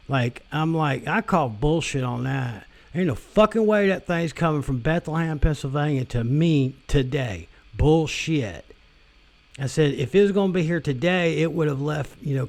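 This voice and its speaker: A man's voice: a little high, darkish tone. A man vlogging in a casual rant, rambling and profane, often repeating and restarting himself.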